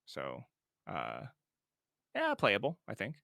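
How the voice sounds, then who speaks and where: Bright, animated man on a dry mic. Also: fairly low pitch, creaky, no echo. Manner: reads card text aloud then judges it, quick to laugh. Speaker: co-host of a card game podcast. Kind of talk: casual card review chat.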